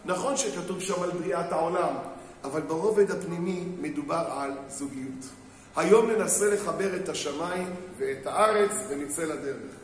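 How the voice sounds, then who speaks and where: A rabbi preaches on marriage to a gathered crowd in a high voice, telling stories and acting out the people in them. His voice rings through a very echoey hall with a long reverb tail. Faint noise sits underneath. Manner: storytelling, acts out quoted people, asks the crowd questions. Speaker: rabbi giving a lecture on marriage. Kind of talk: sermon to a live audience. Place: synagogue hall with an audience.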